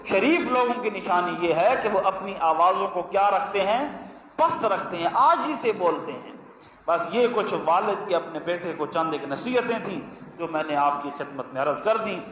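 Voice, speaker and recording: A man with a Punjabi accent preaching a sermon, chanting Arabic verses slowly and then explaining them with emphatic repetition. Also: sits high, lively intonation, crowd noise. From Pakistan, Punjab. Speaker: religious scholar giving a weekly lesson. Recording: echoey hall with long reverb, faint ambience.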